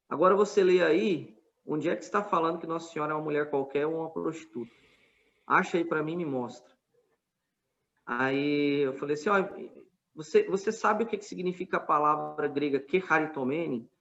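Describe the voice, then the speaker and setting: A man with a Brazilian Portuguese accent recounts events in a podcast conversation, earnest and quoting dialogue as he goes. His voice sits fairly high for a man. The recording is dull and lo-fi. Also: vocal fry. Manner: earnest, retelling a street debate with quoted dialogue. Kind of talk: casual podcast storytelling.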